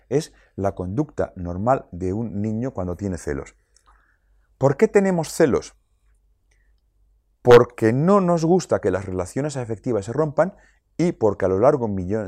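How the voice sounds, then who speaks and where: A man explaining child rearing to parents in a lively way, asking rhetorical questions and acting out quotes. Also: on the low side, no echo, studio quality.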